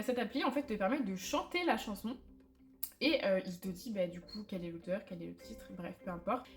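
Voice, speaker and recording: A young woman vlogging in a casual, candid way, chatty and self-mocking, with lots of fillers. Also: medium pitch. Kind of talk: casual chat to camera. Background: faint background music.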